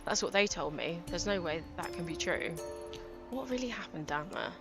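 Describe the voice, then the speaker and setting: A woman voicing a grieving young woman police detective, reading her inner monologue aloud in a low, halting way over game music. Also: lively intonation. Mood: somber.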